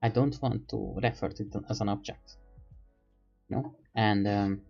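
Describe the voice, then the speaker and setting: A man with a somewhat low voice tells a long, meandering story on a stream. He speaks English as a second language, pausing often with fillers as he hunts for words. The audio is dull and lo-fi, with faint music in the background. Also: gravelly, a little mellow. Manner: hesitant, many fillers, searching for words; non-native English speaker. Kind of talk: rambling casual storytelling.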